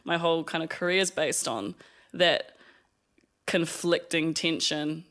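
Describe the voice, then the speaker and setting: A reflective young man from Fiji, chatting in an interview as an artist. His voice sits fairly high for a man, and he thinks aloud with fillers and soft laughs. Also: unhurried. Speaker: artist guest. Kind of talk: casual interview chat.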